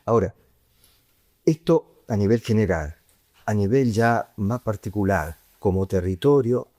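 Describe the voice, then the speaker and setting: Low-voiced priest in his fifties. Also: lively intonation, measured pace, darkish tone, dry recording, clean studio sound. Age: 50s. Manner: conversational, often adds a questioning tag. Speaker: priest leading a retreat. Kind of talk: informal retreat talk.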